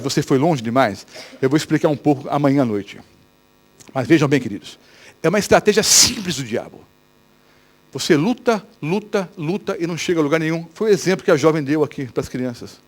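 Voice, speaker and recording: A male pastor with a Brazilian Portuguese accent preaching a sermon in church, animated and quizzing the congregation with questions. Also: fairly high pitch, brisk.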